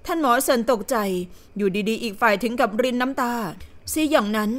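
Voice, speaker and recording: A woman's voice: on the high side, brisk. Woman narrating an audio novel. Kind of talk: scripted narration.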